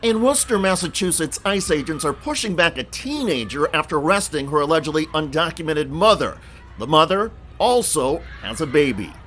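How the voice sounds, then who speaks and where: A man's voice: a little high, expressive, fairly quick, fairly bright tone, slight background noise. A man hosting a scripted political news commentary with an emphatic, punchy delivery.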